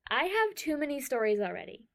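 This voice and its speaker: A woman co-hosting a podcast chats casually in an animated, playful way. Her voice sits a little high. She talks with a quick, joking energy. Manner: animated, playful, laughing often. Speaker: podcast co-host. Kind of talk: casual chat.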